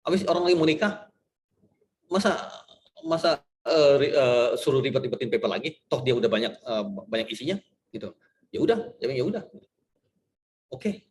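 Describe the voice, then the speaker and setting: A man's voice: mid-range voice, brisk. A man lecturing an online class in casual style slang, joking and rambling.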